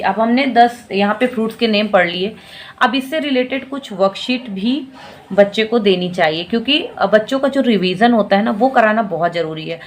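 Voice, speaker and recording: A woman teaching parents how to help children learn fruit spellings. She breaks each word into sounds and repeats them slowly and patiently. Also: medium pitch. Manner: slow, drawn-out syllable-by-syllable spelling; patient and instructive. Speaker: teacher giving parenting tips.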